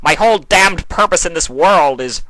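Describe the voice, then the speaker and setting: Man doing shadow king stallion, indignant, forceful, loud ranting, raised pitch, storybook villain. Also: expressive, moderate pace, crowd noise, lightly acted.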